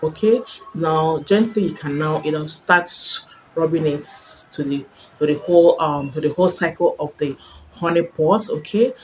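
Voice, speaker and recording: A woman's voice: sits low, normal speed, darkish tone, a little hiss or hum, rough recording. A woman giving casual step-by-step relationship advice to her viewers, repeating herself often and ending points with a questioning "okay?". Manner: repeats phrases, tags lines with "okay?". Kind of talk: casual instructional talk to camera.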